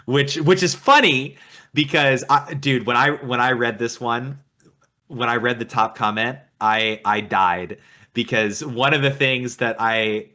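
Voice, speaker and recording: A man co-hosting a casual gaming podcast, excitable and laughing often. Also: mid-range voice, unhurried. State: tired late at night. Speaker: podcast co-host.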